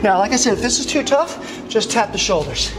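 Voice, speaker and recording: A man's voice: high voice, sing-song, a little fast. A man working as an aerobics instructor, leading a workout with motivating counted cues and short commands. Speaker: fitness instructor. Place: indoor gym. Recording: music behind the voice. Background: workout music.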